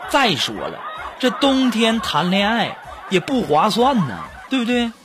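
Lively high-voiced man doing comic monologue. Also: unhurried, noisy background. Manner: chatty, self-mocking, laughing as he talks. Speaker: comedy show host.

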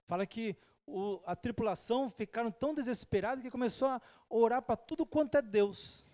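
A man's voice: very high-pitched, normal speed, darkish tone, long reverb tail. A man preaching, stopping after short phrases so an interpreter can follow. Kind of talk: sermon with live interpretation. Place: church hall with a projector.

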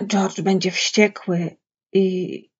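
A woman voicing a big, simple-minded man who pleads in a childlike, panicky way, with a husky voice. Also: mid-range voice, flat delivery, extremely slow. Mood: subdued. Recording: dull lo-fi recording.

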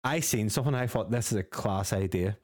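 A man's voice: fairly low pitch, brisk, a little mellow, no room sound, studio quality. A man co-hosting a gaming podcast who chats casually, gives strong opinions, swears freely and reads out news items. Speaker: podcast co-host.

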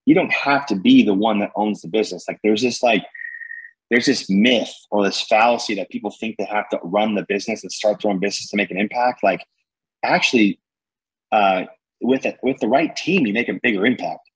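Young male guest, husky and energetic, rambling casual delivery. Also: fairly low pitch, a little fast, low-quality recording. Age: young adult. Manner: energetic, rambling with many fillers and slang. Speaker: guest entrepreneur. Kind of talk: podcast conversation.

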